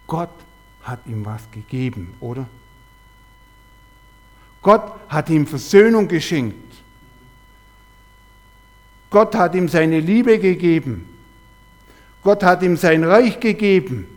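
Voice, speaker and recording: A man preaching a sermon, telling stories and asking rhetorical questions with repeated refrains. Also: mid-range voice.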